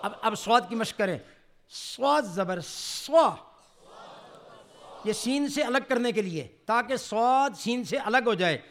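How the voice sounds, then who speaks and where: A man's voice: very high-pitched, animated, hardly any pauses, a bit bright. A man teaching Quran recitation to a group, correcting pronunciation and leading drills where they repeat after him. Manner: leads call-and-response, asks the group to repeat. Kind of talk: classroom tajweed lesson.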